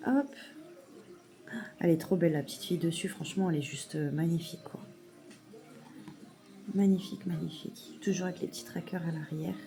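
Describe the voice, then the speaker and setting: A woman showing a parcel in a casual vlog at home, hesitant with many fillers and softly gushing. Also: on the low side, brisk, long pauses. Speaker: mother unboxing a parcel of saving challenges. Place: at home at a table.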